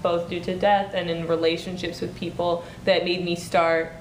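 A woman's voice: little pitch movement, normal speed. Reflective woman playwright in echoey room. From Michigan and Germany. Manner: thoughtful, searching, many "like" fillers. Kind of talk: casual interview chat. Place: small meeting room indoors. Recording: echoey room with faint rumble.

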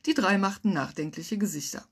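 A woman reads aloud from her own crime novel, narrating in the first person. Her delivery is wry and lively, with dry asides. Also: mid-range voice, fairly quick, slightly rough. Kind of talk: online reading of a crime novel.

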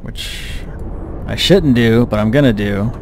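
A man's voice: mid-range voice, takes it slowly, slight background noise. A man giving casual gameplay commentary, thinking aloud and muttering to himself as he plays. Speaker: gamer commentating his own submarine game. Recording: steady engine-like game ambience behind voice. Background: submarine game sound effects and ambience.

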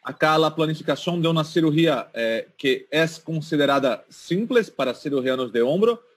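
A man's voice: on the high side, animated, normal speed. A man from southern Brazil with a Brazilian Portuguese accent gives a medical presentation, mixing Portuguese words into his Spanish and repeating words as he searches for them. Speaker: guest speaker, orthopedic shoulder surgeon.

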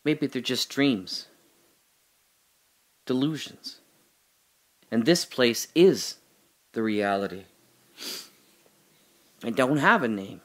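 This audio drama monologue features an actor as a solitary man in a holding cell, questioning whether his memories can be trusted, first wryly and then earnestly. He speaks slowly at a medium pitch with lively intonation and long pauses.

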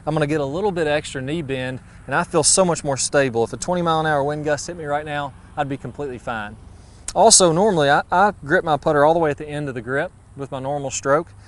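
A man, giving a brisk, friendly golf lesson outdoors on a putting green, recorded on a lapel mic. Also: a little high. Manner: brisk, friendly, practical coaching. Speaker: golf instructor.

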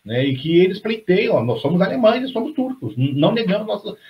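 On a casual video call, a guest novelist from Brazil, middle-aged, talks fast in a high, sing-song voice. His rambling speech keeps restarting and leaning on tag questions, and the webcam gives it a slightly dull lo-fi quality.

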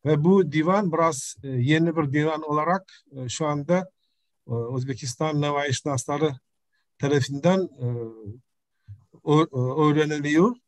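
A middle-aged man with an Uzbek accent giving an academic presentation on a video call, speaking halting, broken non-native Turkish mixed with Uzbek. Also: a little high, no echo. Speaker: professor presenting research. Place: indoor room, video call. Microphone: computer microphone on video call.

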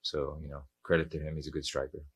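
A man in his forties, a football coach speaking at a post-match press conference into a table mic, measured and reflective with many fillers. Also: very deep voice, little pitch movement, a little hiss or hum. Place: press room.

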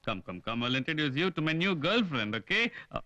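A bossy, short-tempered father, drunk and loud-mouthed, who peppers his scolding with English curses. The voice sits high and bright, with wide pitch swings, over faint film music. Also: big pitch swings, very slow, no room sound, exaggerated voice. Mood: drunken. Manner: bossy, mixes English insults into his speech. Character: blustering rich drunk father, middle-aged, short-tempered. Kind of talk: film dialogue.

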